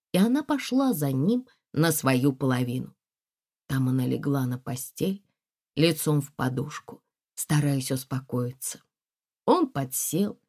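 Lively, low-pitched woman narrator. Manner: expressive storytelling. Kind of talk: audiobook reading.

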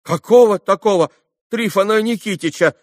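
A man voicing an agitated, dim-witted young clerk who keeps shouting the same words, in a storybook reading. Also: high voice, no echo, clean studio sound, voice pushed up, natural voice. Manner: shouting, repetitive, slow-witted.

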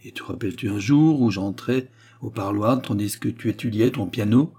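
A gentle, hesitant father, voiced by a male reader, speaks softly and with embarrassment to his daughter. His voice is warm, husky and mellow in this audiobook scene. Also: lowish voice, normal speed. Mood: tender. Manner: mild, embarrassed, timid. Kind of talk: audiobook character reading.

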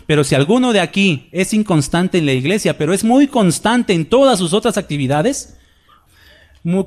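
A man preaching a Sunday sermon, with emphatic repetition and rhetorical questions. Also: a little high. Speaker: pastor. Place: church.

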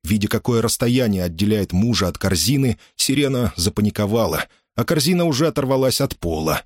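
A man with a low, lively voice narrating a dramatic audiobook. His storytelling is measured and expressive. The sound is dry and close. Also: no room sound.

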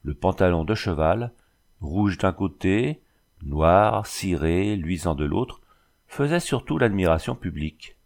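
A man reading a classic novel aloud in a measured audiobook narration. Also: low-pitched, expressive, vocal fry, a little mellow.

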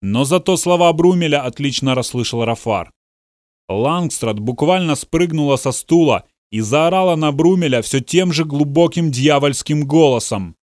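A man's voice: fairly high pitch, lively intonation, normal speed, no room sound, clean studio sound. A man reading a novel aloud in a dramatic audiobook style, voicing the characters' outbursts. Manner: dramatic, voices the characters' shouts. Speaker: narrator. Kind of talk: audiobook narration.

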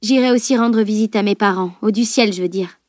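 A woman reading the voice of a spirited, bossy teenage girl in an audiobook, brisk and commanding. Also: medium pitch, dry recording, studio quality, close to an everyday voice. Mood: determined.

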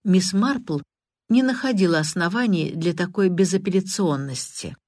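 A woman narrating a novel with an even, measured delivery. Her voice is on the low side, and the recording is close and dry with no room sound. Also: no echo. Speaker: audiobook narrator. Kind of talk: scripted narration.

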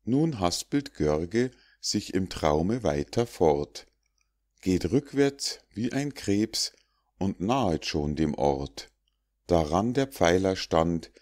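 A man narrating an audiobook of rhymed fables in a measured, rhythmic reading. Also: low-pitched, big pitch swings, darkish tone.

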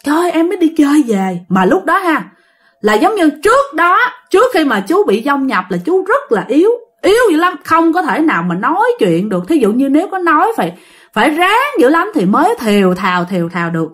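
A woman with a Southern Vietnamese accent narrates a ghost story in a loose, conversational style. Her voice sits high, and she keeps turning to address her listeners, filling pauses with little fillers. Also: big pitch swings, a bit bright. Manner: chatty, addresses listeners directly, many fillers.

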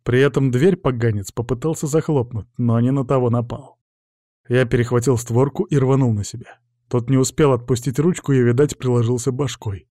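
A man narrating an audiobook in a steady, wry way. His voice is dark and mellow, at a middling pitch. The recording is dry and close. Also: dry recording.

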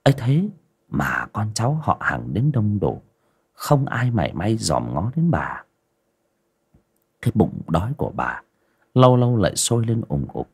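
A man narrating a dramatic audio story in an expressive reading style. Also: fairly low pitch, a little slow, long pauses, husky.

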